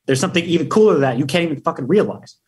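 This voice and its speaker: A man speaking as a podcast guest in a casual interview, energetic and profane, full of hype. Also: fairly high pitch, very fast, slightly rough.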